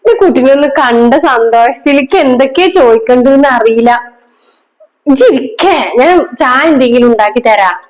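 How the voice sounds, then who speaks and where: Short-film mother, a woman acting her: middle-aged, high-pitched, fussy and tearful. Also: moderate pace, close to an everyday voice, poor audio. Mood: fond, fussing. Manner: fussing, pleading tone.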